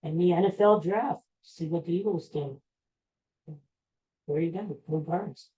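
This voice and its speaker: Speaking a little slowly in a warm, lowish voice, a middle-aged American woman hosts her podcast alone. The chat is casual, rambling, and folksy, occasionally trailing off, and it's captured on a dull lo-fi recording.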